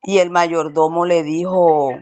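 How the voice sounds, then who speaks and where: A woman tells a casual anecdote. She narrates in a lively storyteller's way. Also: lowish voice, a little slow.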